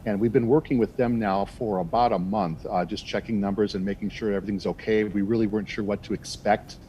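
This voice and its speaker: A man's voice: lowish voice, fairly even intonation, fast, mellow, a little hiss or hum. A man appearing as a guest on a TV interview, answering in a hesitant way with many fillers and restarts. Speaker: theater executive, guest.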